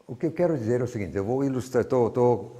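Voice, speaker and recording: A man's voice: medium pitch, lively intonation, fast, warm tone. An older man from Brazil with a Brazilian Portuguese accent, giving a rambling, conversational teaching talk full of personal stories. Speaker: Bible teacher.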